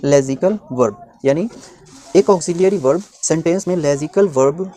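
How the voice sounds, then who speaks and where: A man's voice: on the high side, normal speed, dark tone. A man teaching English grammar, spelling words out letter by letter and repeating them patiently. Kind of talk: classroom explanation.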